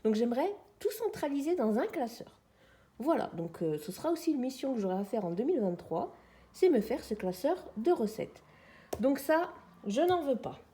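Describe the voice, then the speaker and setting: A woman's voice: high voice, big pitch swings, moderate pace, warm tone. A woman in her forties chatting casually to the camera at home while sorting things, calling her viewers friends. She is on a tripod, with the mic on the far side of her. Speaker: vlogger. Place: at home, sitting on the floor.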